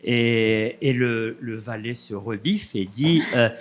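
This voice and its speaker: A man in the audience asking a long, polite question, pausing often and hesitating. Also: medium pitch. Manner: hesitant, many "euh" pauses, polite. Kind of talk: halting question from the floor.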